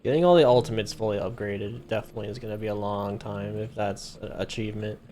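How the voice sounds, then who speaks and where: A man's voice: lowish voice, steady tone, fast, mellow, faint music behind. A man giving casual gameplay commentary as a let's play streamer, chatting and reading in-game text aloud.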